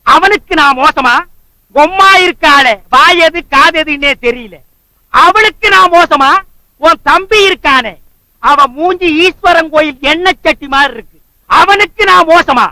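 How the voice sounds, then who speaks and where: A broke, boastful drunkard of a husband, all sarcasm and loud mockery in a film comedy. His voice sits very high and sounds intensely bright and sharp, with a dry, close sound. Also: no echo, heavily acted, rough recording. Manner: sarcastic, mocking, loud insults. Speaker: comic actor.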